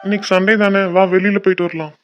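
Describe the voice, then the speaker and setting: A man's voice: high voice, fairly even intonation, fast talker, over loud music, close to an everyday voice. A man voicing a reassuring cartoon big brother. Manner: coaxing and reassuring. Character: young man, a caring protective older brother. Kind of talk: cartoon voice acting. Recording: dull lo-fi audio.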